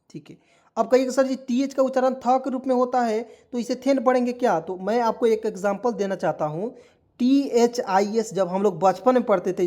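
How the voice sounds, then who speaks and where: A man's voice: high-pitched, a little mellow. A man teaching a step-by-step spelling lesson, putting questions to his viewers and answering them himself, addressing them as friends. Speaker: English teacher.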